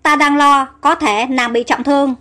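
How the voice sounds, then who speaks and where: A woman's voice: high-pitched, fairly even intonation, moderate pace, pushed and bright. A woman voicing a proud, commanding young prince in a storybook reading, over faint music. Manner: commanding, imperious.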